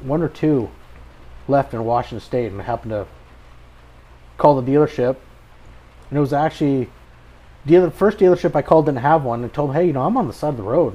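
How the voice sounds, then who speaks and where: A man's voice: medium pitch, dark tone, low-quality recording. An American man hosting a podcast in a casual chat, with an easygoing, folksy good ol' boy way of talking. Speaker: podcast host.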